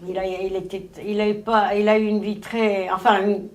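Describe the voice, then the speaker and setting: A woman's voice: medium pitch, flat delivery, normal speed, a little mellow. A woman in her nineties from Spain, recalling her past in an interview, rambling with many restarts and self-corrections. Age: 90s. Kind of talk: oral history recollection. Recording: roomy, echoey room.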